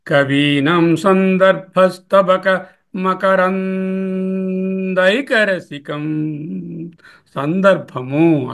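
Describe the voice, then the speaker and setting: A man's voice: fairly high pitch, creaky, fairly bright tone. A man explaining a Sanskrit hymn verse by verse in a lecture, asking questions and answering them himself. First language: Telugu. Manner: repeats verse words slowly, glossing each. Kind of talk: scholarly commentary lecture.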